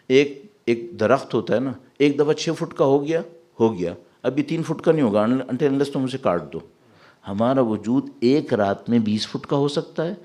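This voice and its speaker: A man giving a religious sermon as a cleric, mixing English words into his talk and reciting Arabic verses slowly, swinging from emphatic peaks to soft low asides. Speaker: Shia cleric giving a Muharram majlis.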